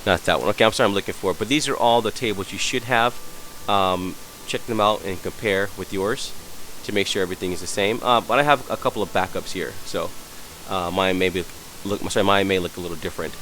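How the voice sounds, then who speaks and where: Low-voiced hungover man, hesitant tutorial. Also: quick pace, hardly any pauses, fairly bright tone, slight background noise, poor audio. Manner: hesitant, apologetic, searching as he goes. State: hungover and sick. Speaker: tutorial presenter. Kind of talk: unscripted screen-recorded software tutorial.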